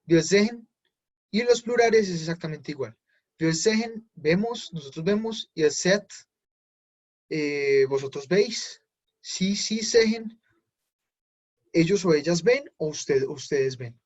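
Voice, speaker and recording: A husky, fairly high-voiced man, teaching German grammar step by step to a class. The sound is dull and muffled. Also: animated, unhurried, a little mellow. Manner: explains step by step, switching between Spanish and German drills. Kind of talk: online class explanation.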